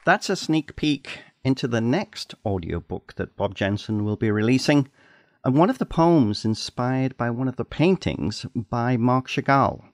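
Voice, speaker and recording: A man hosting a radio program, giving smooth, scripted introductions. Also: medium pitch, lively intonation, a little slow, no echo, studio quality, a faint crowd. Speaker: radio host. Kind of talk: radio presenting.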